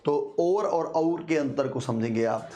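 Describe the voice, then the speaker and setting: Man teaching grammar slowly, fairly high voice. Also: dark tone. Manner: addresses students repeatedly, slow deliberate explanation with repetitions; sounds out syllables to demonstrate pronunciation. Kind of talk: exam-prep grammar lesson.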